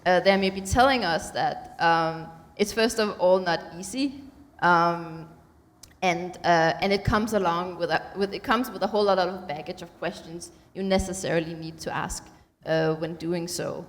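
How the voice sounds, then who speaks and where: A woman's voice: on the low side, moderate pace. A woman curator introducing an art exhibition at a panel, speaking thoughtfully with many ums and uhs. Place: museum auditorium. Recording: long hall reverb in auditorium.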